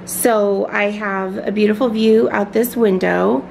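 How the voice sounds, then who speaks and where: A woman's voice: mid-range voice, fairly even intonation, measured pace, creaky, darkish tone, slight background noise, low-quality recording. A middle-aged woman chatting casually through a tour of her home office, filming on a handheld camera with lots of ums. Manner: chatty, filler-heavy, fond of her things. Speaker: home vlogger.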